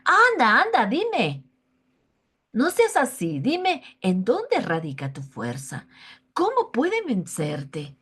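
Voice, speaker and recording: A woman's voice: mid-range voice, wildly swooping pitch, slow pace, husky, full character voice. A Mexican Spanish woman voicing a coaxing, scheming young woman with a wheedling, sing-song plead in a children's Bible story.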